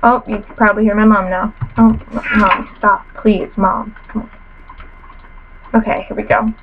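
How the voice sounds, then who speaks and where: A woman's voice: medium pitch, little pitch movement, unhurried, gravelly, phone-quality sound, background noise. A teenage girl commentating her own game casually, chatty and self-mocking with playful trash talk, a little sniffly after a cold, in her bedroom at home. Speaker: gamer commentator.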